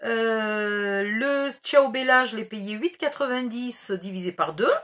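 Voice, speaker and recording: A woman's voice: fairly high pitch, slow, fairly bright tone. Chatty rambling woman showing off her haul. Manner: chatty, self-mocking, rambling with restarts. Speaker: scrapbooking YouTuber. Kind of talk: casual haul video chat.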